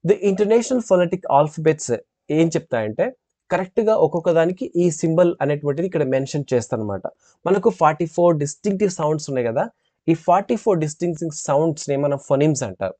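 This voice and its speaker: A man with a Telugu accent giving a step-by-step phonetics lecture, repeating sample sounds slowly. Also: on the high side, expressive, dark tone, no echo. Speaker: English teacher.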